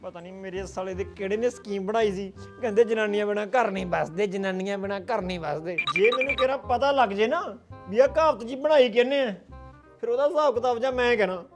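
A man playing a high-voiced squabbling village husband. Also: fast talker, music in the background. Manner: loud, teasing, quarrelsome banter. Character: lazy bickering village husband, middle-aged man. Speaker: actor in a comedy sketch. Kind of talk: rural comedy sketch acting.

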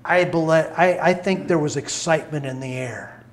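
A male pastor preaching a sermon, animated and swinging between loud calls and hushed asides, recorded in a church sanctuary. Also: on the high side, normal speed, slight background noise. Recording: echoey room, mic at a distance.

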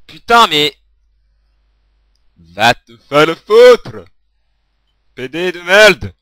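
A young man yelling and laughing through a frustrating game, his high, bright voice leaping wildly between lows and shrieks. He drags his words out slowly, and the recording is dry and close. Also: big pitch swings, no room sound. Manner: swears loudly, shouts and laughs at the game, sings under his breath. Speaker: gaming video creator. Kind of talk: raging gameplay commentary.

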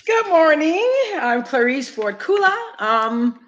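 Woman panelist, relaxed, casual, muffled video call sound. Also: high-pitched, takes it slowly, slight background noise. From born in Liberia, raised in the US.

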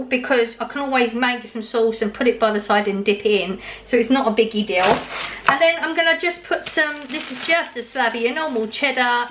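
Over footage from her home kitchen, a vlogger talks casually through her cooking, self-deprecating and full of fillers as she rambles. She has a slightly high voice with a fairly bright tone, and a little hiss or hum runs underneath.

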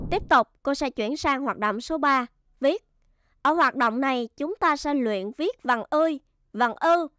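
A woman teacher giving a first-grade reading lesson, spelling out syllables slowly and clearly. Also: high voice, fairly bright tone, no echo, studio quality. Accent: Vietnamese.

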